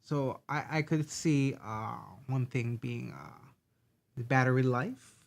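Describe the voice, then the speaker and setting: A young man moderating a casual gaming podcast, speaking hesitantly and filling pauses with uhs. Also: mid-range voice, gravelly.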